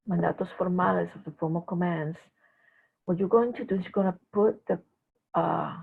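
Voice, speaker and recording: A woman lectures her language class, her voice deeply gravelly and raspy. She works through the points haltingly, stopping often to fill pauses. The audio is thin and phone-like. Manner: halting explanations with frequent filler pauses. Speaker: language teacher. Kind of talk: recorded lecture.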